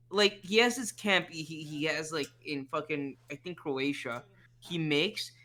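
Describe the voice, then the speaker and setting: A podcast co-host rambling in casual chat, profane, with many fillers and restarts. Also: male voice, a little high, bright, forceful tone.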